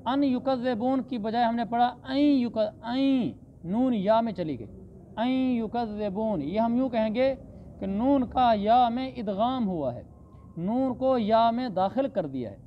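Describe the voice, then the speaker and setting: A man teaching Quran recitation, slowly drawing out verses and then explaining the rules plainly. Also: extremely high pitch, animated. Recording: dull lo-fi sound with faint background noise.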